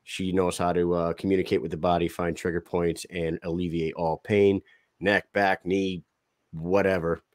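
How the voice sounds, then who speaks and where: With a low voice and flat delivery at a moderate pace, this young Boston-area man hosts a podcast, brashly running through sponsor reads and talking up his guest casually. The sound is clean studio audio with no echo, recorded on an arm-mounted studio mic with headphones.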